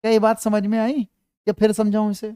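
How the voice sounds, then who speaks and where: Mellow-voiced man teaching grammar. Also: high-pitched, monotone, a little fast, smooth, dry recording, studio quality. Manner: repeats points, keeps checking if students follow; calls students "beta", reassuring. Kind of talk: online class lecture.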